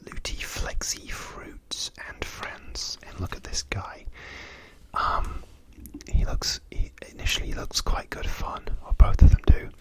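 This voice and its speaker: A man's voice: measured pace, rough recording. Whispering British man rambling in ASMR style. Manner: chaotic, hesitant, wandering, repeats words softly. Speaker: ASMR video host. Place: hotel room.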